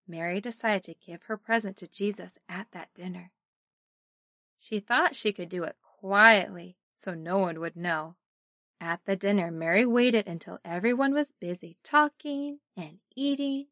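A dry, slightly dull recording of a woman with a middle-pitched voice. She talks like a Sunday school teacher, telling a children's Bible story and leading young listeners in short, simple phrases. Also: a bit bright, no echo. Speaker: children's Bible lesson host.

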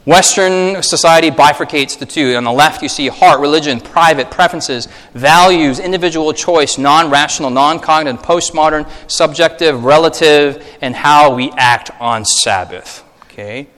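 A man's voice: on the high side, normal speed, big-room sound. A man preaching as a pastor in a conversational way, checking in with the listeners often and acting out voices in his stories. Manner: conversational preaching with frequent audience check-ins; animated, acts out voices in anecdotes. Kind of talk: sermon.

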